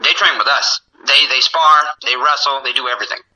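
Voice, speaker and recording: A man's voice: medium pitch, fairly even intonation, fairly quick, pushed and bright, rough recording. A man who is a guest on a casual call-in show, talking in a laid-back, self-mocking way and telling stories from his work. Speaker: guest, fighter and bar bouncer. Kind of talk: casual phone-in chat.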